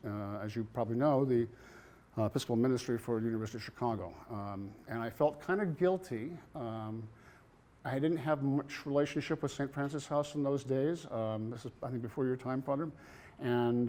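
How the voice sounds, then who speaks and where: A man in his sixties gives a halting speech at an anniversary gathering, sharing memories with many pauses and soft chuckles. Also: mid-range voice. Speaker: alumnus speaking at an anniversary gathering. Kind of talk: personal reminiscence speech. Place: campus ministry house at a celebration.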